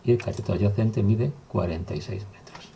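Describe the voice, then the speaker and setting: Guy teaching math slow and step by step, low gravelly voice, faint hiss and typing behind. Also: lo-fi sound. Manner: calm, step-by-step explaining while writing. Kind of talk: recorded math lesson.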